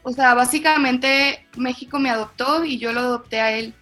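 Young Venezuelan actress guest, high-pitched, expressive and chatty; faint music bed. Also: female voice, normal speed. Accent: Venezuelan Spanish, softened toward neutral Mexican. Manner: chatty, expressive, uses many fillers. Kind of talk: casual podcast interview.

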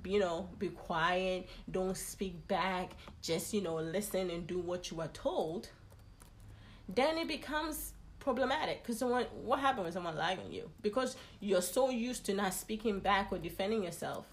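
A woman's voice: medium pitch, expressive, normal speed. A woman in a casual conversation, speaking emphatically and giving advice drawn from her own experience.

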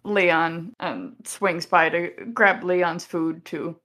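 A woman's voice: fairly low pitch, steady tone, slow, a bit bright. A woman playing a tabletop role-play game, casually describing what her character does. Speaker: player.

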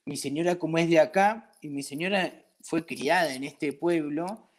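Interviewed about his craft brewery, a man from southern Argentina's Patagonia talks at a moderate pace in a fairly high voice. His Argentine Spanish accent colors casual, colloquial storytelling in which he acts out pieces of dialogue.

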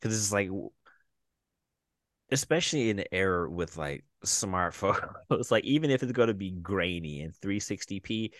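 A man co-hosting a podcast in casual chat, unhurried and quick to laugh. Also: low-pitched, animated, fairly bright tone, no room sound, studio quality. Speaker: podcast co-host.

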